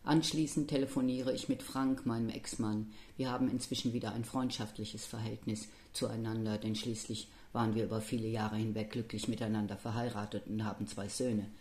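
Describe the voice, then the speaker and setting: A man narrating a first-person story in a measured, somber reading voice. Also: lowish voice, flat delivery, darkish tone. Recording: echoey room with faint noise.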